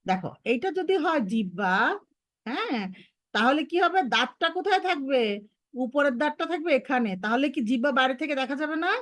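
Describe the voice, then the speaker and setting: Brief: high-pitched woman, Bangladeshi Bengali accent, patient online tutor for kids. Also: lively intonation, normal speed, no room sound, clean studio sound. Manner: patient, encouraging, models sounds repeatedly. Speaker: Arabic pronunciation teacher. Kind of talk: online lesson for children.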